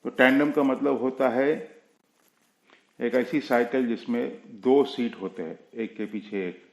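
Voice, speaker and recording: A man teaching a spoken language lesson, explaining slowly and patiently and spelling words out letter by letter. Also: mid-range voice, gravelly, a little mellow, roomy sound, rough recording. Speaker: English teacher.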